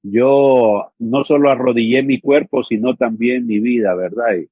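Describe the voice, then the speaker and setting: A man in his fifties from El Salvador, a pastor and theological education coordinator, talks earnestly in an interview and often checks in with "¿sí?" and "ujú". His medium-pitched voice is slightly rough and a little slow. The sound is phone-quality with no echo.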